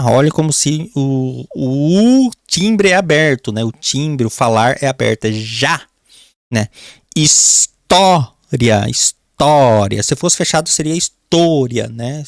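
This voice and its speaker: A man's voice: fairly high pitch, expressive, no echo. Brazilian male grammar teacher, dry sound. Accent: Brazilian Portuguese. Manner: keeps calling the class "pessoal", stretches key words slowly; writes on a board while explaining. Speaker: Portuguese teacher. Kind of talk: exam-prep grammar lesson.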